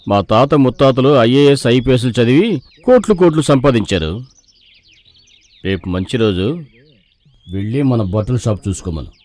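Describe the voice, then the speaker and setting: Man cast as dismissive dad, quick lively delivery, light music behind. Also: mid-range voice, lightly acted. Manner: curt, dismissive. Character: stubborn, dry-witted father. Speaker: father. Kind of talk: film comedy dialogue.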